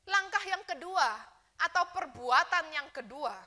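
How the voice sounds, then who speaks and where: A woman pastor preaching a sermon in a church, lively and dramatic, sometimes acting out complaining churchgoers. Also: very high voice, measured pace.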